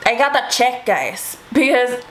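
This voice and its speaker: A young woman with a fairly high voice talks casually to her viewers. She tells a personal story in an informal, chatty way, addressing the listeners directly. A little background noise sits behind her voice. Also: sing-song, a little slow, a bit bright, rough recording. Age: young adult. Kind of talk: casual storytime chat to camera.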